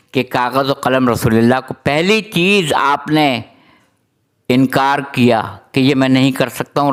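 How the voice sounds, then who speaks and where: A man delivering a religious sermon, reciting long lists of titles in a steady rhythm and explaining Arabic terms to his listeners. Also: mid-range voice, clean tone. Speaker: religious speaker.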